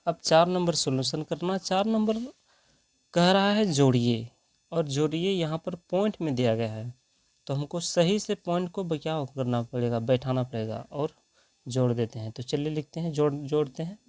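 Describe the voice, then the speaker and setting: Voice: medium pitch, lively intonation, moderate pace, a little mellow, no echo. A math teacher, working through problems step by step and asking rhetorical questions along the way.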